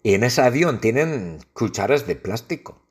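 A man improvising an absurd comedy story in a halting, repetitive, deadpan way. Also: medium pitch, breathy edge. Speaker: podcast host.

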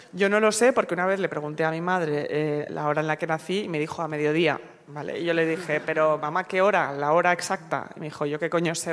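Sarcastic ranting woman in a reverberant room. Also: on the low side. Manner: sarcastic, ranting, laughing often. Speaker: podcast co-host. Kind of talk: casual chat. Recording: long hall reverb.

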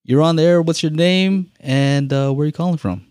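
A man's voice: fairly high pitch, normal speed, darkish tone, clear, resonant tone, no echo, studio quality. A man hosting a live call-in audio podcast, talking in an easygoing, chatty way with frequent fillers and laughs. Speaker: podcast host.

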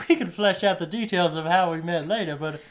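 A man's voice: high voice, moderate pace, pitched above the performer's own voice, lightly acted. A man voicing an awkward, sweet character who stammers eagerly. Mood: sheepish.

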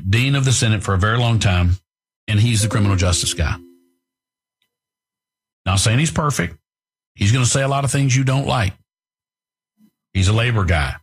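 A man's voice: lowish voice, breathy edge. An American man talking as a shock jock radio host, blunt and provocative with emphatic repetition.

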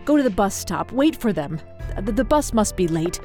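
A woman's voice: mid-range voice, big pitch swings, moderate pace, darkish tone, soft background music, close to an everyday voice. A woman acting an anxious, strict mother with an urgent, fretful manner in an audio drama. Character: anxious, strict mother of missing teenage daughters.

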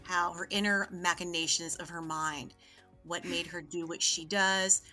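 A woman's voice: fairly low pitch, steady tone, unhurried, sharp tone, faint music behind. A woman taking over as interviewer, playful and joking in casual chat. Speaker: guest interviewer.

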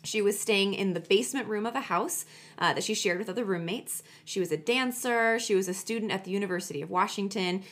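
A woman with a medium-pitched voice co-hosts a true crime podcast. She tells stories conversationally and stresses her points by repeating words. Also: fairly quick, a bit bright. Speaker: podcast co-host. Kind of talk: chatty true crime storytelling.

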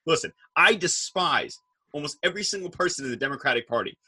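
A man's voice: fairly high pitch, lively intonation, quick pace, sharp tone, slightly rough. A man hosting a political talk show, talking casually and animatedly, retelling arguments in quoted voices. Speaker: show host.

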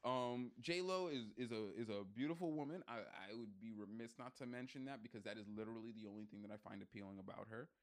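A man co-hosting a podcast in casual chat, blunt, profane and animated, joking as he goes. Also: mid-range voice, fast talker, hardly any pauses. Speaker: podcast co-host.

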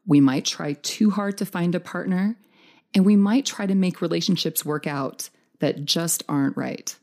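A woman with a mellow voice and plenty of fry delivers scripted relationship advice. She sounds upbeat and encouraging, laying out her points tidily as a podcast host. Her pitch sits on the low side. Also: moderate pace. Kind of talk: scripted dating advice talk.

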